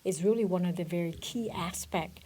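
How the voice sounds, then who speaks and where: A woman's voice: fairly low pitch, normal speed, warm tone, husky. A middle-aged woman from Vietnam, a guest in a business interview, speaking thoughtfully with frequent fillers and restarts. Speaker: guest, benefits director. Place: corporate office.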